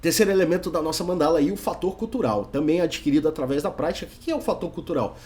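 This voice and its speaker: A man's voice: a little high, animated, very fast, darkish tone. A young man with a Brazilian Portuguese accent, giving a casual video lesson on learning English and often tagging sentences with a questioning "right?". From Brazil, Brasília. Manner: chatty, tags many sentences with a questioning "right?". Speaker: English teacher.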